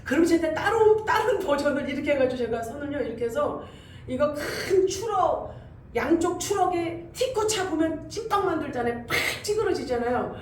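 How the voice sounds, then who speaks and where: A woman pastor delivers a sermon in a high, mellow voice, animated and full of acted-out sound effects. She swells into loud exhortation as she drives her points home. The recording is echoey and distant, as if captured from the back of a church hall, with faint room noise. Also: moderate pace. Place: church sanctuary.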